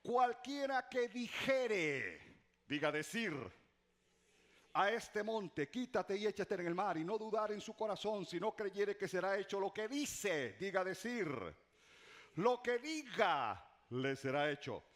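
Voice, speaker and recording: A middle-aged man preaching a sermon as pastor, repeating key words for effect, dropping to a hush and rising again, with humorous asides to his congregation. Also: high voice, animated, unhurried. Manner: preaching with dramatic repetition and swings from loud to hushed.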